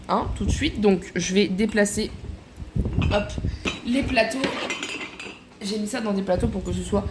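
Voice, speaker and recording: A woman's voice: medium pitch, noisy background. A woman chatting casually in a show-and-tell vlog, filling her talk with little asides. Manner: chatty, many fillers and little "hop" and "voilà" asides. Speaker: collector showing her items.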